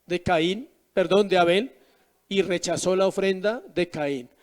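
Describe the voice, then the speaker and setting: A man's voice: high voice, a little slow. A man preaching a sermon as pastor, asking rhetorical questions with emphatic rises and drops.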